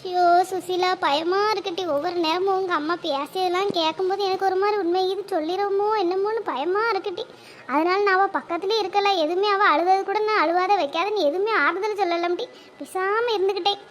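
A jittery, kind-hearted older village woman voiced by a woman frets and scolds. The voice sits very high for her age. A faint noise floor runs under the cartoon audio. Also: a little fast. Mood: anxious. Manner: worried, scolding, motherly lecturing. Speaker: cartoon character. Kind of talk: cartoon voice acting.

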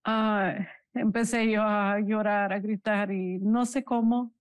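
A woman giving an emotional, halting personal testimony in an interview, earnest and religious. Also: mid-range voice, fairly even intonation, no room sound. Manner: emotional, slow, halting storytelling. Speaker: interview guest, bereaved mother.

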